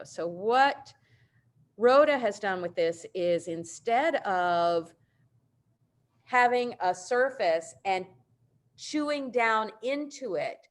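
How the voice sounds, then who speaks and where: A middle-aged woman speaks over a video call, walking her audience through artists' prints. She sounds warmly enthusiastic and informal, with relaxed asides and quick self-corrections. Her voice sits at an ordinary middle pitch. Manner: warm, enthusiastic explaining. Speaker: printmaker presenting artists' work. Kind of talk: virtual presentation talk.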